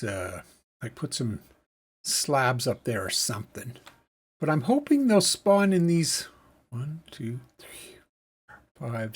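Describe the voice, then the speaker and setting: An unhurried let's-play host muses aloud through a building session. The voice carries a soft, husky grain, and the delivery is relaxed and deliberate, working through counts and plans one step at a time. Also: mid-range voice. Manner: musing aloud, thinking through tasks step by step. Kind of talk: casual gameplay commentary.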